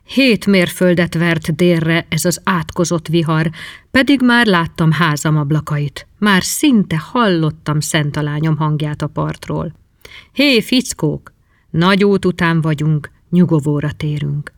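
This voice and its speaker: A man voicing a hot-tempered old sea captain who shouts and blusters in a storybook reading. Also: fairly high pitch, no echo, lightly acted. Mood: gruff.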